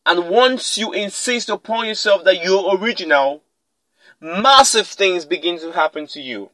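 A man with a high voice gives a motivational podcast talk and leans hard on his main points, often saying them twice. The sound is close and dry, with almost no room around it. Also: measured pace, pushed and bright, no echo, low-quality recording. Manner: emphatic, repeats key lines for effect. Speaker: podcast host.

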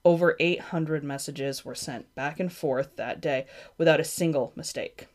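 A woman's voice: deep voice, normal speed. A young woman hosting a history podcast, reading from a script with chatty asides and careful apologies when she stumbles on names. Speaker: podcast host.

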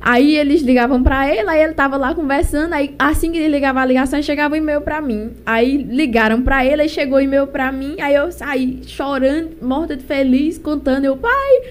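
A woman's voice: high-pitched, steady tone, a little fast, hardly any pauses. A young woman with a Northeastern Brazilian accent and a cold, telling her story casually and colloquially in an interview. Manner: colloquial, chatty. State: has a cold. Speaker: singer being interviewed.

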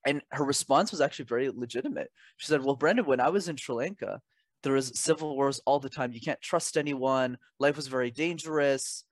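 There's no room sound around this young man's mid-range voice, which runs a little fast. A Canadian communication coach appearing as an interview guest, he delivers emphatic, articulate advice and personal anecdotes, often posing rhetorical questions.

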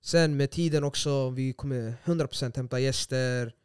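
A young man co-hosting a casual podcast, telling stories in animated, slangy street Swedish. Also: medium pitch, clear, resonant tone, no echo, clean studio sound. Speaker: podcast co-host. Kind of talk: casual chat. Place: small studio room.

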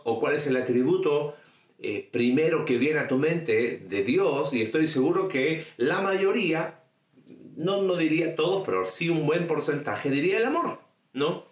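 A man's voice: animated, moderate pace, echoey room. A man giving an online sermon to young people in a conversational way, asking his listeners questions and acting out quoted voices. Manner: conversational, asks the audience questions; acts out quoted voices with a raised pitch. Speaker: youth preacher.

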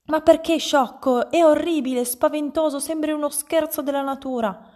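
Donna che fa una mamma stridula e brontolona. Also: female voice, moderate pace, a little mellow, natural voice. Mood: shrill. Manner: shrill, scolding. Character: shrill scolding middle-aged mother.

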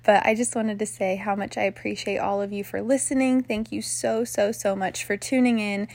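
A woman's voice: mid-range voice, little pitch movement, normal speed, gravelly, a little mellow, no room sound. A woman hosting a podcast, talking casually and earnestly to her listeners, recorded on her phone from her bed at home. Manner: earnest, encouraging, gushing thanks. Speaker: podcast host. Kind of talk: casual heartfelt chat.

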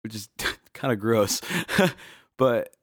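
A young man with a low, easy voice, co-hosting a casual podcast chat. He talks in a relaxed way, with plenty of ums and uhs. The sound is close and dry, with no room around it. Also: slow pace, dry recording. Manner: relaxed, chatty, with frequent fillers. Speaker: podcast co-host.

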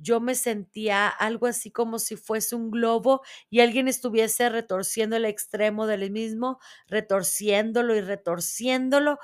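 A woman storyteller giving a dramatic, expressive first-person reading of a book chapter. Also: a little high.

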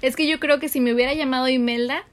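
Woman co-host, fairly high voice, halting, gropes for words. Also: fairly even intonation. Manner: hesitant, searches for words. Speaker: podcast co-host. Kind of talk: casual chat.

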